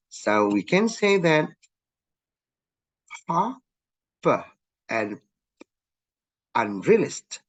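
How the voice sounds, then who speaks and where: A male lecturer with an Indonesian accent walks through examples at an unhurried pace, filling pauses with a habitual "okay." His lowish voice is a little husky, and it jumps up lively whenever he stresses a sound. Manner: repeats "okay" often, lively rising emphasis on example sounds. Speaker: linguistics lecturer. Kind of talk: recorded lecture explaining slides.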